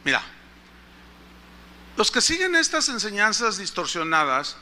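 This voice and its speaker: A man's voice: sits high, huge pitch swings, unhurried, pushed and bright. A man preaching a sermon as pastor, telling a story and asking the congregation questions.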